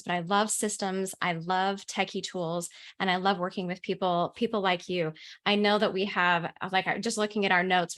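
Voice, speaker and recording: An American business coach hosts a webinar over a video call, sounding upbeat and enthusiastic. Her voice is mid-range and a bit bright.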